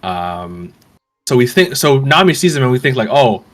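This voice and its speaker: A man's voice: medium pitch, sing-song, normal speed. A man hosting a podcast, chatting enthusiastically and casually, calling his co-host "bro". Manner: enthusiastic, many fillers and restarts, says "bro". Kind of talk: casual chat.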